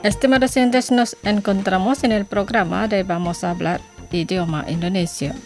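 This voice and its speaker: A woman hosting a scripted radio language lesson, saying each phrase twice slowly and carefully. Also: mid-range voice, fairly even intonation, over music.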